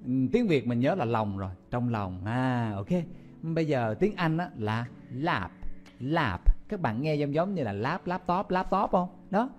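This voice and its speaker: A man's voice: mid-range voice, big pitch swings, unhurried, faint music behind. A man teaching vocabulary in a playful, exclaiming way, often repeating each word. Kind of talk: memory-palace vocabulary lesson.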